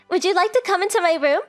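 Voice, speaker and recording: In a very high, heavily acted voice, a woman performs anime-style comic dub dialogue for a romantic comedy. Her character is a sweet, polite rich teenage girl who comes across as coy and forward.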